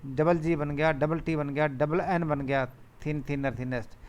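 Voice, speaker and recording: A man's voice: fairly high pitch, fairly even intonation, moderate pace, slight background noise. A male teacher, giving a lesson to children, repeating word lists and reading grammar rules aloud.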